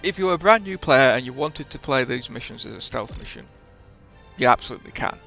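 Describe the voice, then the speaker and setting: A man's voice: medium pitch, animated, fairly quick, creaky, pushed and bright, soft background music. A man hosting a gaming video with casual commentary, often hesitating and correcting himself as he explains.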